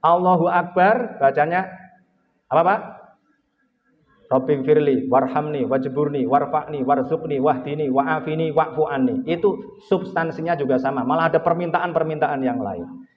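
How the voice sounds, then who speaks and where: A man's voice: a little high, moderate pace. A man giving a religious lecture to a live audience, chanting Arabic prayer phrases and putting questions to the listeners. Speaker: lecturer at a forum. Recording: echoey hall, dull lo-fi sound.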